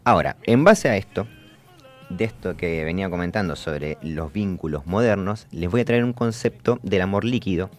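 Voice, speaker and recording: A man hosting a psychology discussion, pausing often with fillers and restarts. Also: sits low, soft background music. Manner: hesitant, many fillers and restarts. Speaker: podcast host.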